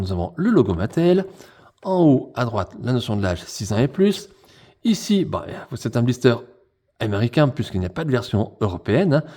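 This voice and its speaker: A man's voice: on the low side, warm tone. A man hosting a toy unboxing in a casual, chatty way, talking straight to his viewers as friends.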